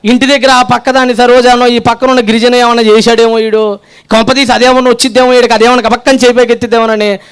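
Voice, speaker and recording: A man preaching a sermon, with a dramatic delivery that acts out quotes, rising to shouts and dropping low. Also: flat delivery, fast, clear, resonant tone.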